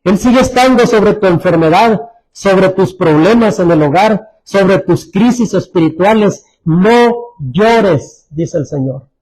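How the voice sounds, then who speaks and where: A man preaching a sermon as pastor, Mexican Spanish accent, repeating phrases and dropping to soft, low tones for emphasis. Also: a little slow, hardly any pauses, husky, rough recording. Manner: repeats phrases, restarts words.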